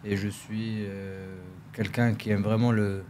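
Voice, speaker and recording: A low, mellow-voiced man from Morocco talks as a guest on a studio podcast, with faint room sound behind him. He often hesitates, repeats himself and hunts for the right word. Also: flat delivery, takes it slowly, a little hiss or hum. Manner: hesitant, searches for words, many restarts. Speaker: restaurant owner, guest. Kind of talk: casual interview.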